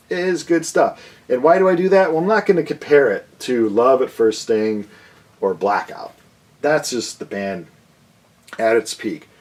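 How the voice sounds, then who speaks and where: A man's voice: a little high, a little mellow. A man in his fifties giving a casual, rambling record review with lots of fillers and a fan's enthusiasm. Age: 50s. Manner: rambling, filler-heavy, enthusiastic fan talk. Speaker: music reviewer.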